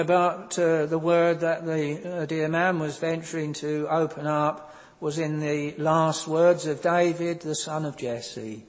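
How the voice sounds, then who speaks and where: A man preaching a sermon in a slow, earnest manner, pausing often and filling the gaps with ums. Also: fairly high pitch, in a large hall.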